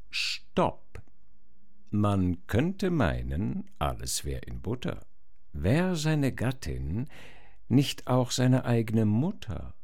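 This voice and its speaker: A man with a low voice narrates a comic tale in rhymed verse. His pitch rolls lively and his pace is slow and deliberate, with a wry, rhythmic bite. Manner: wry, rhythmic rhyming delivery. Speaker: performer, narrator.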